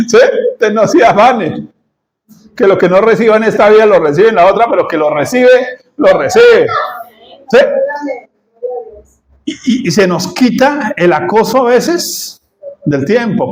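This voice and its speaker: A man delivers a sermon as a pastor, talking to his congregation in a casual, joking way. His voice sits high and he takes his time, often stopping to ask if they follow. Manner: conversational, asks the congregation "¿sí?" often; acts out quoted voices and laughs at his own jokes.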